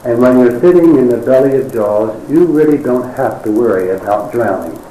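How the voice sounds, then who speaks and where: A man delivers a sermon in a wry, conversational way, with drawn-out dramatic pauses. His voice is mellow and warm. The room is echoey, with faint ambient noise behind him. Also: mid-range voice, lively intonation. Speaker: preacher.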